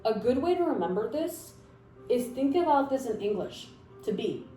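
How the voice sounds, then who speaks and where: In a sing-song, fairly high, warm voice at normal speed, a young Mexican language teacher in her 20s runs a casual spoken lesson, chatty and encouraging with fillers and asides. Faint music and a roomy echo are audible.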